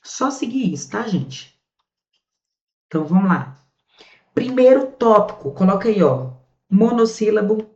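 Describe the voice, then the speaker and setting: A Brazilian woman teaching a grammar lesson in a chatty, lively way, drawing out the words she stresses. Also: mid-range voice, measured pace, long pauses. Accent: Brazilian Portuguese. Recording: muffled, echoey room.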